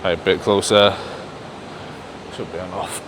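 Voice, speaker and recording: A man's voice: low voice, steady tone, a little slow, background noise. A man muttering casually and thinking aloud as he films a gym vlog. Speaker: fitness vlogger. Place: indoor gym.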